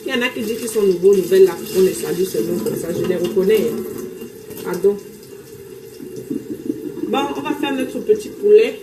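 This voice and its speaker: A woman's voice: medium pitch, expressive, brisk, pauses often, echoey room, noisy background. A woman from Cameroon with a Cameroonian French accent, chatting casually with viewers on a live stream while cooking in her kitchen, greeting people by name. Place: home kitchen.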